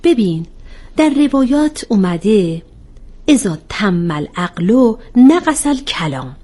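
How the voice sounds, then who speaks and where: A woman voicing a calm young woman who patiently explains things in a storybook reading. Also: medium pitch. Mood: explaining.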